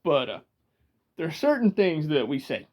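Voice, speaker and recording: A man from Georgia talks easily to the camera in a thick Southern drawl, his voice sitting a little higher than most men's. He rambles from one aside to the next and laughs often, recorded in a small room at home. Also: big pitch swings, moderate pace, darkish tone. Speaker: vlogger. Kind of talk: casual talk to camera. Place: small room indoors, sitting in a rocking chair. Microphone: camera in front of him.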